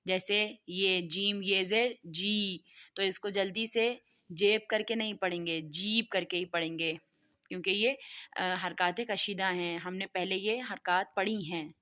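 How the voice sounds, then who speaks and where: A woman teaching a language lesson, pronouncing vocabulary words slowly and clearly, then explaining each one. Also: medium pitch, fairly even intonation, pushed and bright. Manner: slow, deliberate pronunciation of vocabulary words, then quick explanations.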